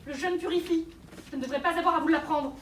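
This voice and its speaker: An actress playing a self-righteous, merciless religious spinster in a stage play, declaiming hammily. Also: female voice, high voice, steady tone, fast, close to an everyday voice. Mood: haughty outrage. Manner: hammy, declamatory stage delivery. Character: pious, self-righteous, merciless spinster preaching sin and punishment. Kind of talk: theatrical stage play acting. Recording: echoey hall from far off, faint noise.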